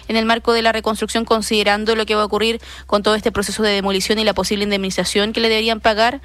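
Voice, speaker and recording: A woman's voice: medium pitch, flat delivery, racing, fairly bright tone, no room sound. A woman co-hosting radio news, adding figures precisely and agreeing with the host. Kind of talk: news discussion.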